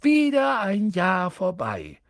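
A man's voice: high voice, very animated, unhurried, gravelly, no echo, clean studio sound, voice pushed up, heavily acted. A man voicing a cheerful, whimsical old headmaster in an audiobook, declaiming with exuberance. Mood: exuberant. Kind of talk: audiobook character voice.

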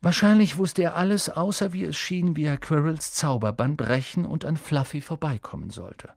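A man narrating an audiobook in a scripted, expressive way. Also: a little high, normal speed, vocal fry, no room sound, clean studio sound. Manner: expressive, character voices.

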